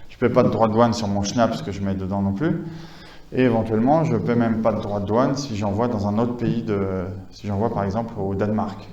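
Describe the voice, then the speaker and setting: A man's voice: fairly low pitch, fairly even intonation, fairly quick, darkish tone, reverberant, muffled recording. A man giving a conference lecture, talking with many hesitations, fillers and restarts. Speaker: conference speaker.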